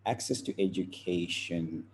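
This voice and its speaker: A man's voice: low-pitched, a little slow, a little hiss or hum. A young man from Zimbabwe, a student interviewing a professor, speaking hesitantly with many fillers.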